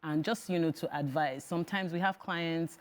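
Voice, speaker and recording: A woman's voice: low voice, moderate pace. A woman with a Nigerian accent explaining things step by step as an expert guest in a studio interview. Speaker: financial firm executive, interview guest.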